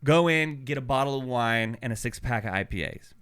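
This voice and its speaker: A man co-hosting a podcast, telling a rambling story in a casual, animated way with a lot of swearing. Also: mid-range voice, fairly quick, clear, resonant tone. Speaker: podcast co-host.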